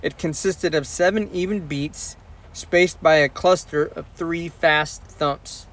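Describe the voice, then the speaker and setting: A man narrating an audiobook in a measured, steady first-person storytelling voice. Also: on the high side, far from the mic. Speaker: audiobook reader.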